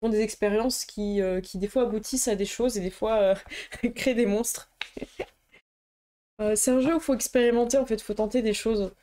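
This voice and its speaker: A woman's voice: a little high, steady tone, moderate pace, warm tone. A woman chatting casually to camera about a tabletop roleplaying book, with many fillers and restarts. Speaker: tabletop roleplaying game YouTuber. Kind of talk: casual show-and-tell chat.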